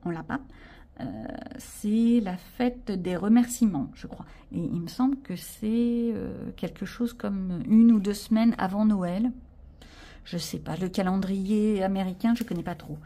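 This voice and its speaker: In a warm, mid-range voice, a woman with a French accent casually walks the camera through her sticker and craft haul. The vlogger jokes at her own expense and uses lots of fillers.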